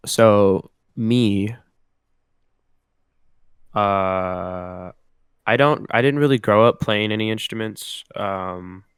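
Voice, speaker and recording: A young Southern Californian man in his twenties co-hosts a podcast, chatting casually with slang and fillers. His fairly low, clean voice is extremely slow and full of pauses, captured in a dry, studio-quality recording.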